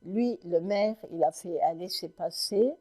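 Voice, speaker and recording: A woman in her nineties from Lorraine in France, recounting family memories in an oral history interview, telling her story haltingly with many restarts. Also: on the low side, mellow. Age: 90s.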